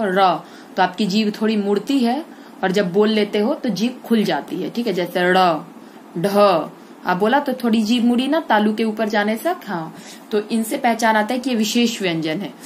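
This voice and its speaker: A woman's voice: medium pitch, normal speed, a little hiss or hum. A woman teaching a school grammar lesson online, explaining step by step and asking and answering her own questions.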